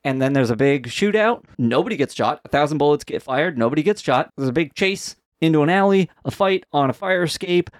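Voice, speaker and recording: A man's voice: fairly high pitch, a little fast, few pauses, smooth, no echo, studio quality. A man co-hosting a podcast, recapping a TV episode in a laid-back, chatty way with frequent laughs. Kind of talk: casual chat.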